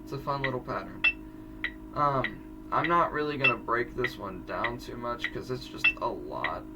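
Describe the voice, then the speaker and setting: Teen boy, rambling drum-tutorial host, mid-pitch, off-mic with loud drums nearby. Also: expressive, moderate pace, far from the mic, over loud music. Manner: chatty, self-correcting, rambling asides. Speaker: drumline student teaching audition exercises.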